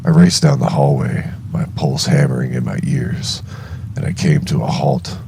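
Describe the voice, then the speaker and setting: A man playing an exhausted, shaken young survivor of a zombie outbreak, narrating a horror audio journal in a gravelly, halting voice. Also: noisy background, heavily acted. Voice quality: very deep, gravelly, creaky. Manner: slow, halting, heavy dramatic pauses.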